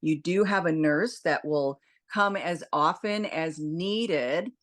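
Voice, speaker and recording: A woman's voice: deep voice, slow, a bit bright. A woman speaking as a hospice nurse and interview guest, explaining things in an informative, plain-spoken way straight to the listener.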